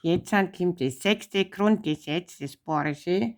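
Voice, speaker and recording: A woman's voice: lowish voice, slow pace. A woman with a Bavarian accent hosting a casual comedic chat, bossy and teasing as she corrects someone. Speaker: show host teaching Bavarian.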